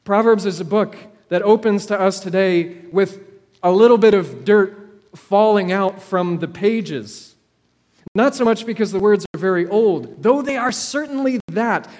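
Preaching in a long, echoing reverb, a high-voiced man takes a measured, deliberate storyteller's approach. His tone is a little mellow, and he shapes the sermon with dramatic pauses and repetition.

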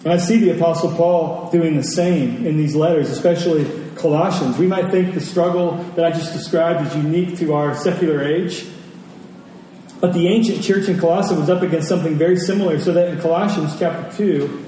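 Using a steady, dark tone at a moderate pace, a man with a slightly high voice preaches conversationally and repeats key phrases for emphasis. The recording is from a distant mic in a large, very echoey hall, with faint noise.

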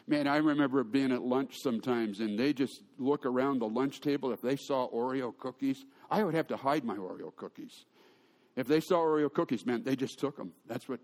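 A man's voice: a little high, a little mellow. A man preaching a sermon, telling stories with humor and often restarting his sentences. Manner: storytelling with humor and frequent restarts. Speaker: pastor.

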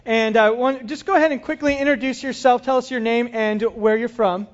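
A man hosting a church service, introducing guests in a relaxed, chatty way. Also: very high voice, fairly quick, dull audio. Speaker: church host. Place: church sanctuary.

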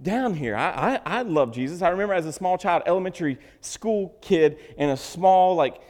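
A man preaching a sermon, joking with the congregation and swinging from loud bursts to hushed asides. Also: high-pitched, expressive, moderate pace. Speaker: pastor. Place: church sanctuary. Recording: reverberant hall.

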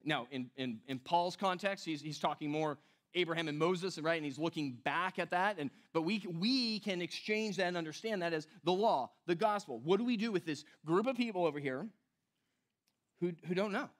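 A middle-aged pastor delivers a conversational teaching sermon to his congregation in a fairly high voice at normal speed. He has a slight whistle on his s sounds, interrupts himself, and talks directly to listeners with rhetorical questions.

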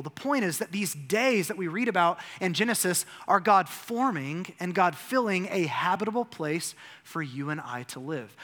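Male pastor, bright ringing voice, emphatic sermon delivery, reverberant church hall. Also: sits high. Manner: animated, emphatic preaching with rhetorical questions and repetition. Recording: long reverb of a large hall.

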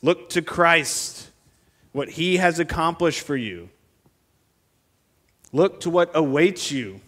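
A man preaching from a pulpit microphone in a church sanctuary, his voice sitting somewhat high for a man. He talks earnestly and steadily, working through the text and putting question after question to the congregation. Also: fairly bright tone, long reverb tail. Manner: earnest, asks the congregation many rhetorical questions. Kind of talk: expository sermon.

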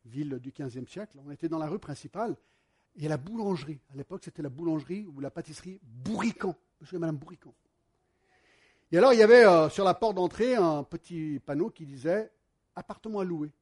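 Husky high-voiced man preaching. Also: fast. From United States. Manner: animated storytelling, addresses the congregation directly. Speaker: pastor. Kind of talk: sermon.

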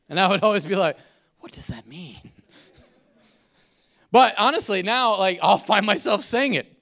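Male pastor, middle-aged, conversational sermon, slightly high voice, storytelling, animated. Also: measured pace, creaky, pauses often.

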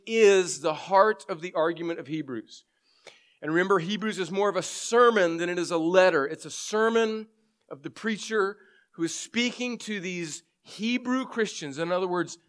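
A middle-aged male pastor, his voice sitting high, preaches an earnest sermon despite a head cold and scratchy throat. He explains and reads scripture with emphasis.

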